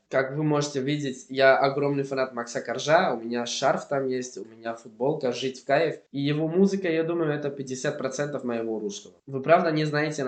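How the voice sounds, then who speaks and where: A young Spanish man, a language learning vlogger, speaks Russian as a learner with a Spanish accent, talking casually to the camera in an earnest, encouraging way. His voice is mid-range and the sound is roomy.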